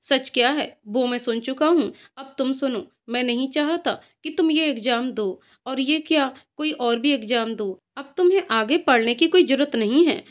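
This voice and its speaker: A woman's voice: high-pitched, normal speed, hardly any pauses, lightly acted. A woman reading as a jealous, angry young husband. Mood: angry, accusing. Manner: harsh, accusing.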